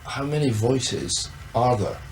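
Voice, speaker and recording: A man's voice: medium pitch, animated, takes it slowly, a little hiss or hum, rough recording. A man, a reporter, asking curious, probing questions in an interview.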